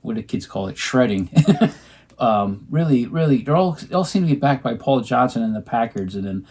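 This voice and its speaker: A man's voice: mid-range voice, expressive, moderate pace, darkish tone, breathy edge. Man rambling about records at home. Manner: rambling, many ums and restarts. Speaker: co-host showing his record purchases. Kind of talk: casual chat.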